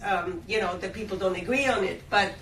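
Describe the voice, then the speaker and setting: A woman hosts a skincare sales show, chatty and upbeat, often pausing on fillers. Her voice sits at an ordinary pitch and is picked up from a distance. The room echoes and a faint hum stays behind her. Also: a bit bright. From Austria. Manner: chatty, enthusiastic sales talk with many fillers. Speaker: skincare brand host. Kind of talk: live shopping-show interview.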